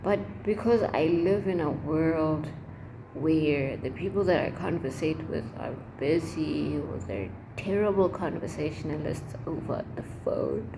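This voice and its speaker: A young woman with a slightly low voice talks in a casual, chatty vlog style. She rambles expressively and leans hard on her slangy phrases. There is clear background noise around her. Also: lively intonation, unhurried. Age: young adult. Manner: emphatic, slangy. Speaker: vlogger. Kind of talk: casual chat to camera.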